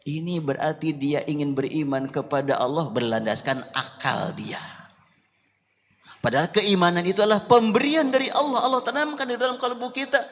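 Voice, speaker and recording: A man's voice: a little high, normal speed. A male preacher giving a sermon in a large mosque hall, telling stories and asking rhetorical questions. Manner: lively storytelling with rhetorical questions. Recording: long hall reverb, faint hiss.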